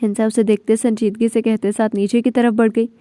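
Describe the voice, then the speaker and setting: A woman reads a romance novel aloud in a steady, scripted narration. Her voice sits fairly high but sounds soft and mellow. The recording is close and dry. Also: brisk, no echo.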